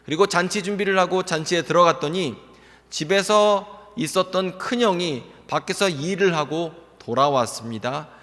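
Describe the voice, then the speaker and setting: Male pastor preaching in a church, slightly high voice, long hall reverb, acts out quoted dialogue and builds to emphatic appeals. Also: normal speed, fairly bright tone. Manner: storytelling, acts out quoted voices of family members; rising emphatic appeals to the congregation. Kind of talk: Sunday sermon. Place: church sanctuary.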